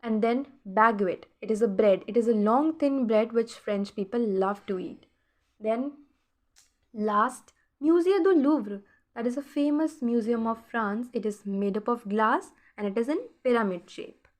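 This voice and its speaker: Woman teacher, a little high-pitched, patient quizzing delivery with slow repeats. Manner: repeats key words slowly for learners, quizzing tone. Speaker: French teacher. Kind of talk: recorded classroom lesson voice-over.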